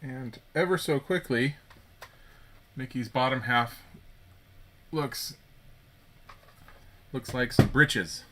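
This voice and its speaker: A man's voice: mid-range voice, takes it slowly, long pauses, noisy background. A man chatting casually at home as he builds a Lego set, rambling and correcting himself as he goes. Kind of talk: casual chat while building. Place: home room.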